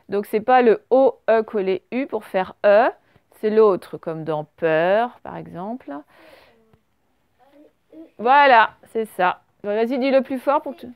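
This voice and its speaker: A French woman teacher giving a slow dictation lesson to young children, stretching out words and spelling letters. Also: fairly high pitch, clean tone, dry recording, lo-fi sound. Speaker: primary school teacher.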